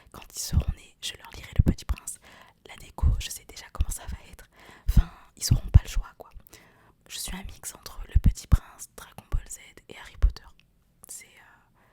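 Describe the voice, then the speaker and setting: Young woman in a hushed library whisper. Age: young adult. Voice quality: breathy, unvoiced whisper. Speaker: host of a book recommendation video. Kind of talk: whispered ASMR talk about favourite books, with some reading aloud.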